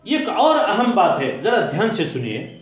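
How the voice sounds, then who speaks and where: A man's voice: sits high, sing-song, measured pace, dull audio. A man preaching a sermon to women, emphatic and urgent, repeating his key points. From India. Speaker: Islamic preacher. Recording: heavy echo of a reverberant room.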